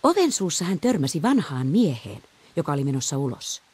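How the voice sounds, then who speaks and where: A woman reading an audiobook story aloud with lively, expressive intonation. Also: low-pitched, slightly rough. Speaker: audiobook reader. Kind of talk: scripted narration.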